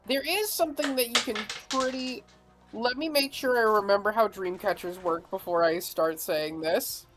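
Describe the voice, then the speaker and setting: A woman's voice: mid-range voice, moderate pace, over music, low-quality recording. A woman running a tabletop role-playing game, thinking aloud and rephrasing as she describes things. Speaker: game master.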